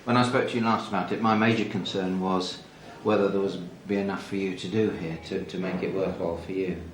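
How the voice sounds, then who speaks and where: A man on a school's staff, talking formally in his office, measured and hesitant with fillers. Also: low-pitched, steady tone. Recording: echoey room, far from mic, noisy.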